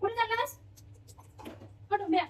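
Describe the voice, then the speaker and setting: A woman's voice: very high voice, normal speed, slight background noise. A mother chatting casually at home in her kitchen for a vlog, coaxing and playing with her toddler in a playful sing-song way.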